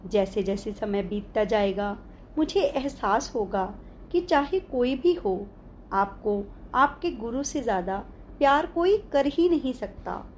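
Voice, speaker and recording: A woman narrating her own spiritual memoir in the first person, in an expressive, heartfelt and reflective way. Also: fairly high pitch, slow, a little hiss or hum.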